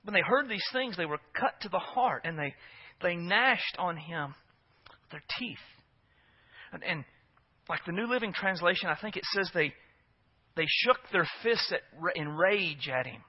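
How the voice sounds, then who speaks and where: A man's voice: high voice, lively intonation, a little slow, pauses often, slightly rough, dull audio. A man preaching a sermon as pastor, earnest and emphatic, often asking his listeners rhetorical questions.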